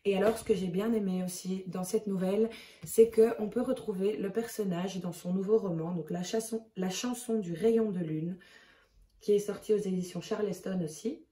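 A woman's voice: mid-range voice, fairly even intonation, moderate pace, dark tone. A woman chatting hesitantly as a book vlogger, reviewing her month's reading and checking her notes as she goes. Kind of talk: casual book review chat. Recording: roomy echo, mic at a distance.

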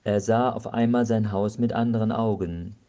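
A male pastor giving a slow, measured Advent sermon. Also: lowish voice, fairly even intonation, mellow, dull audio.

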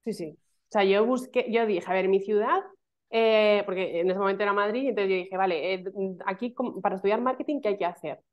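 A woman from Spain in her thirties, speaking with a Castilian Spanish accent as an interview guest over a video call. She talks in a chatty, animated way, full of fillers and quick asides. Her voice sits at an ordinary pitch, and the laptop audio comes through slightly dull and lo-fi. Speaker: guest, email marketing specialist. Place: small room at home. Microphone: laptop microphone on video call.

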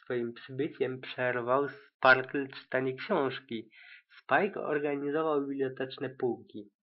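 A man narrating an amateur audiobook in a steady, measured reading. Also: medium pitch. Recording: tinny, phone-like lo-fi sound.

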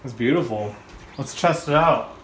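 A man's voice: medium pitch, normal speed. A man, a father, chatting casually and playfully with his kids at home. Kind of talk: casual family chat. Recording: echoey room, far from mic, noisy.

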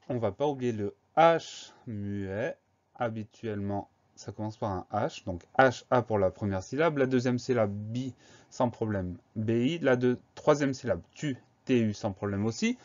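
Slow, deliberate teacher, man. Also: mid-range voice, a little mellow. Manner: slow, deliberate spelling out of letters. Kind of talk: spelling lesson. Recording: slightly dull lo-fi sound.

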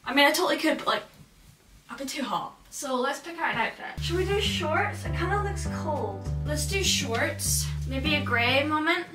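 Woman, twenties, fitness vlogger, chatty, self-deprecating, higher pitch, background music. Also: lively intonation, moderate pace, roomy sound. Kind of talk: casual vlog chat.

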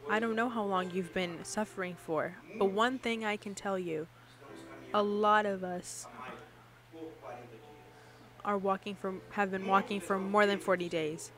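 A woman's voice: medium pitch, fairly even intonation, a little slow, pauses often, a bit bright. A woman giving an interpreted sermon in a preaching cadence, often putting questions to the congregation.

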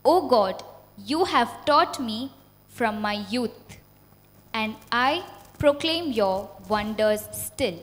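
A woman's voice: on the high side, lively intonation, slow pace, a bit bright. A young woman, a lay reader, solemnly reciting a psalm into a handheld microphone in an echoing church. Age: young adult. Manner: solemn, formal reading. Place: inside a church at the lectern. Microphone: handheld microphone held close. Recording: echoing church with long reverb.

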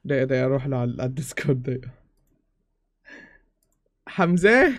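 A man's voice: medium pitch, animated, quick pace, no room sound, clean studio sound. A man hosting casual gameplay chat over voice chat, pleading, swearing oaths and laughing a lot. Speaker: gaming channel host.

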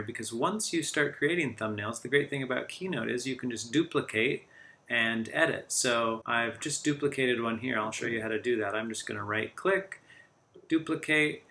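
Gravelly man walking through a software tutorial. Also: medium pitch, moderate pace, slight background noise. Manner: relaxed step-by-step walkthrough. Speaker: teacher and author of tutorials. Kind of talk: screen-recorded software tutorial.

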